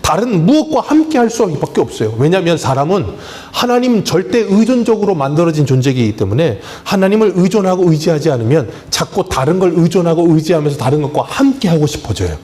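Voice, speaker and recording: A man's voice: a little high, big pitch swings, fairly quick, hardly any pauses, mellow. A middle-aged man, a pastor, preaching a sermon and asking the congregation questions as he goes.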